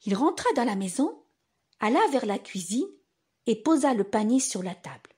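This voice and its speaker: A woman narrating a children's bedtime story in simple, expressive phrases, as if reading to a toddler. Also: a little high, normal speed, breathy edge.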